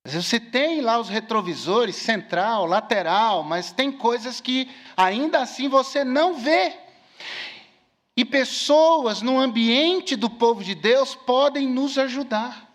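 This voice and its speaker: A man's voice: very high-pitched, slow, a bit bright, big-room sound. A middle-aged male pastor preaching a sermon, telling stories and acting out quoted dialogue. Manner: storytelling with acted-out quotes.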